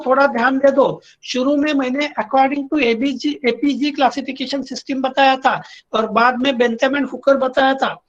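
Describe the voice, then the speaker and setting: Slow, high-voiced Indian male lecturer. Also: lo-fi sound. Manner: repeats key points, checks that students follow. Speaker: botany lecturer. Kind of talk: online classroom lecture.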